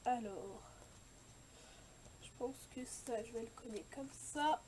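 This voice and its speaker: A woman's voice: a little high, slow pace, background noise. A young woman casually talking through a scrapbooking project, hesitant and full of fillers and restarts. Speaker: scrapbooking vlogger. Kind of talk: casual craft tutorial chat.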